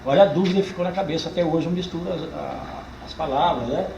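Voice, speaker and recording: Speaking to a tour group in a folksy, lively way, this older cordel poet from Brazil has the caipira accent of rural São Paulo and draws out words for emphasis. His voice is a little high, quick, and touched with vocal fry. The audio sounds dull and roomy, with a bit of hiss or hum.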